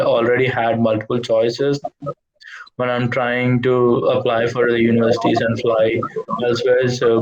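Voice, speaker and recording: A man from India, a software engineer, chatting on a video call in a hesitant, rambling way. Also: mid-range voice. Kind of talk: casual chat on video call. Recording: dull lo-fi call audio with faint noise.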